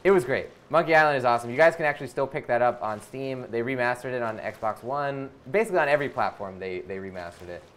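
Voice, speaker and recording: A man's voice: medium pitch, fast talker, few pauses, fairly bright tone. A man hosting a live game stream, chatting casually and reading viewer comments aloud between moments of play. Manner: casual, lots of uh fillers, reads comments aloud.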